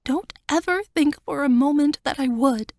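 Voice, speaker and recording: As Wanda, a tearful and devoted young woman pleading emotionally with her friend, a woman pushes her voice up high, well above how she sounds narrating. She speaks at normal speed with a slightly mellow tone.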